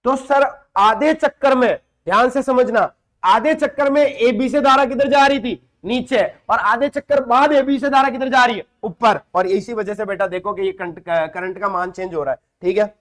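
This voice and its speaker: High-voiced man teaching physics. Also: normal speed, fairly bright tone. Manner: explains step by step, asks and answers his own questions; calls students "beta". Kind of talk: classroom lesson.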